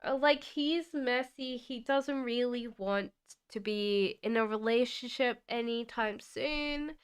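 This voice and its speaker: Speaking from her UK home, an Australian tarot reader with British-tinged speech hosts a chatty live stream. Her voice is very smooth and a little high, her pace slow and unhurried. She laughs easily while reading viewers' comments aloud.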